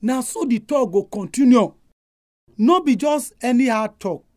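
Mellow Nigerian Pidgin male pastor, dry recording. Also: very high voice, animated, a little slow, no echo. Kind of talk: family-life sermon.

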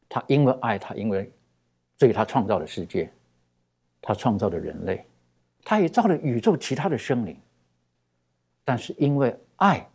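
A male preacher delivering a sermon in a relaxed, conversational teaching voice. His pitch moves in a lively way, and he stretches out key phrases for emphasis between frequent fillers. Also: slightly rough. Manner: animated, with many fillers and drawn-out emphasis.

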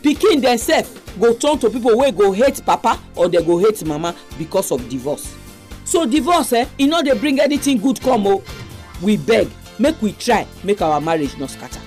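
A Nigerian-accented woman presents a religious radio program in a medium-pitched voice. She speaks directly to listeners, with faint music playing behind her. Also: big pitch swings, normal speed, a little mellow.

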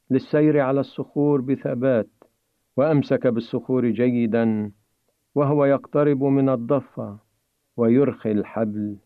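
A man's voice: medium pitch, dry recording. Man narrating a story over a tinny line. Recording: tinny phone-like dry recording.

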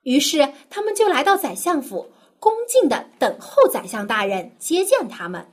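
Expressive young woman telling a kids story. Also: high voice, normal speed. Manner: gentle, expressive storytelling to a child. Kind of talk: children's Bible story narration.

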